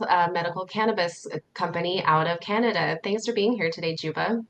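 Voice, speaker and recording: A woman's voice: fairly low pitch, brisk, fairly bright tone, soft background music, poor audio. A woman hosting a podcast, welcoming a guest and introducing the show in an upbeat manner, with some fillers. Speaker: podcast host.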